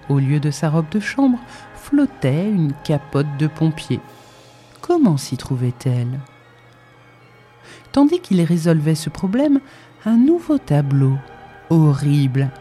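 A woman reads a story aloud with slow, measured, dramatic delivery. Her voice is mellow and low, with lively, sweeping pitch. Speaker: narrator. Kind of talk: expressive storybook reading.

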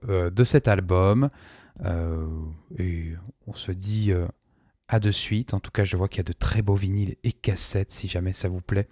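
Male radio host, low-pitched, dry close studio mic, hesitant and chatty between tracks. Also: darkish tone, dry recording. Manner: hesitant, many fillers, chuckling asides. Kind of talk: casual radio presenting.

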